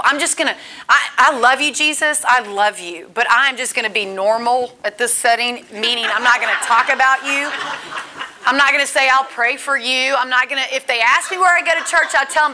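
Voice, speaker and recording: A woman's voice: sits high, brisk, slight background noise. A woman, giving an earnest, conversational Bible teaching and acting out the quotes. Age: 40s. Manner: earnest, animated, acts out quotes. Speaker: women's Bible study teacher.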